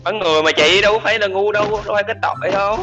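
A man's voice: sits high, racing. A man chatting with teammates during a shooter game, often repeating his words. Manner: chatty, keeps repeating himself. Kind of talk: casual gaming banter. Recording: muffled game capture with loud music.

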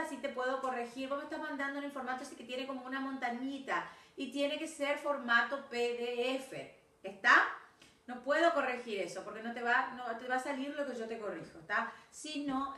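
A Rioplatense-accented English teacher gives her class recorded feedback, correcting pupils while repeatedly checking for understanding. Her voice sits high, with a bright, forceful tone. She is far from the mic in an echoey room, her voice off-mic.

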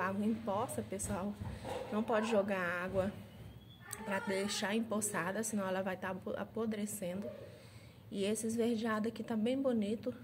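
A woman from the interior of Minas Gerais, Brazil, with a Minas Gerais accent, chatting casually in her home garden and tagging her lines with filler words. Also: mid-range voice. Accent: Brazilian Portuguese, Minas Gerais. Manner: chatty, tags lines with "né" and "pessoal". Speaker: gardening vlogger. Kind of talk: casual how-to vlog. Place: home garden, outdoors by a street. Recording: faint street noise. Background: street noise, passing trucks.

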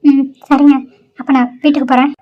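A woman's voice: high-pitched, flat delivery, brisk, muffled recording, natural voice. A woman voicing a sorrowful young woman in a cartoon who is mistreated at home. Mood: sad. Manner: sorrowful, despairing. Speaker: cartoon character.

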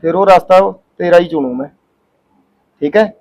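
A man playing a young husband who gently reassures his wife. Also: high-pitched, normal speed. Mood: reassuring. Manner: reassuring, casual. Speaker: actor. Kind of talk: village short-film acting.

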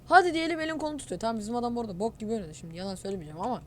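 A woman's voice: fairly high pitch, rapid-fire, a little hiss or hum. A woman giving live gameplay commentary, talking straight to her viewers and ranting in exasperation about a suspected cheater. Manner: talks to viewers directly. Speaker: gamer, channel host.

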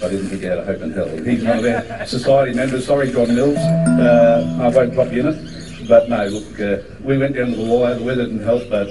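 A man's voice: mid-range voice, fairly quick, over music. A man chatting cheerfully and ramblingly outdoors at an event. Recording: distant outdoor mic with noise.

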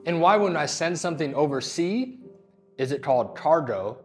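A man's voice: a little high, normal speed, soft background music. A man trading jokes and casual talk while working out in a gym. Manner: joking, goofy, deadpan wordplay.

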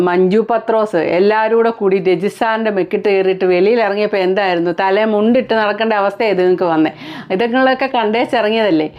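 Blunt woman vlogger with a smooth voice. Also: medium pitch, dull audio. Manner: blunt and critical, full of rhetorical questions. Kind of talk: reality-show commentary.

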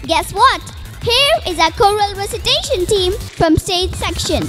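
Very high-pitched, slow-paced female stage announcer. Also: animated, music in the background. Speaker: event presenter. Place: large event stage with handheld microphone.

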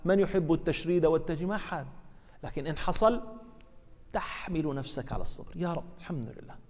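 A man's voice: on the high side, fast, a little mellow. A man giving a colloquial Quran commentary lesson as an imam in a mosque, acting out dialogue and asking rhetorical questions. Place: mosque hall. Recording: reverberant mosque hall.

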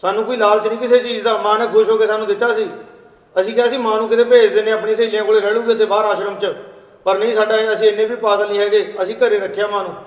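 A man's voice: high voice, flat delivery, racing, echoey room, long reverb tail. A man acting a brother in a family drama, arguing defensively.

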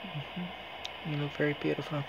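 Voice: mid-range voice, flat delivery, a little slow, vocal fry, muffled recording, heavy background noise. A person casually hosting a home paranormal session, speaking in short, simple questions and compliments, recorded on a handheld phone in a small room. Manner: addresses listener in short, simple questions and praise. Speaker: paranormal investigator host. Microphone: handheld phone behind the camera.

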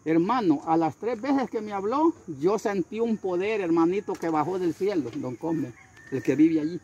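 An older man, a street preacher, telling his story in a husky voice with fervent repetition and acted-out voices. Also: high voice, lively intonation, normal speed, darkish tone, lo-fi sound, slight background noise. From Honduras. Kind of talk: storytelling interview.

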